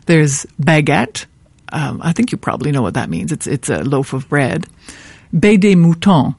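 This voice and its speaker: A woman who wrote the books, giving an informal, hesitant pronunciation guide. She says each French word slowly and carefully before explaining it. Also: low-pitched, darkish tone, no room sound. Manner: hesitant, with frequent fillers and restarts.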